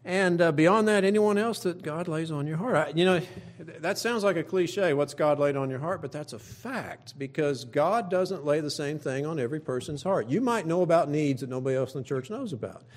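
This middle-aged pastor from Oklahoma has a slightly high, expressive voice and preaches at normal speed to his own flock. The sermon feels folksy and conversational, plain-spoken, with forceful rhetorical questions.

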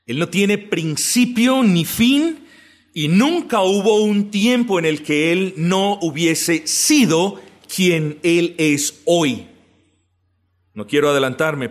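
A man preaching a doctrinal sermon, asking and answering his own questions and drawing out key words slowly for emphasis. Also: fairly high pitch. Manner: addresses listeners as brothers, asks and answers own questions. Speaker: pastor teaching doctrine. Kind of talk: sermon teaching.

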